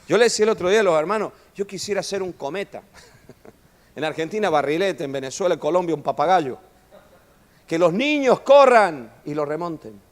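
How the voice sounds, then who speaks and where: A man preaching a sermon in a church hall, animated and joking with his listeners, often calling them brother. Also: high-pitched, a little fast. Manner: animated preaching, constantly saying "hermano", jokes with the audience. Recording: long reverb of a church hall.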